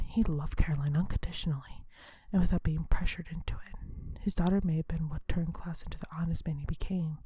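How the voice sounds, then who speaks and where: In a soft, breathy whisper, a lowish-voiced woman hosting an ASMR video speaks slowly and quietly, as if having a relaxed conversation.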